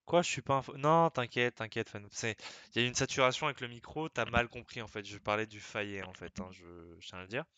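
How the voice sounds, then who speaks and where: A man's voice: mid-range voice, quick pace, pushed and bright, clear, resonant tone, dry recording. A young man streaming live, chatting casually in a rambling, slangy way that keeps interrupting itself.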